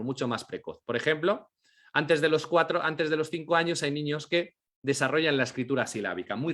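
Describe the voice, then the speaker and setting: A man's voice: fairly high pitch, fairly bright tone. Man lecturing, sounding out syllables. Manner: explanatory, asks and answers own questions, sounds out syllables slowly; occasional apologetic self-corrections. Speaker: teacher. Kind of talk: educational lecture on literacy.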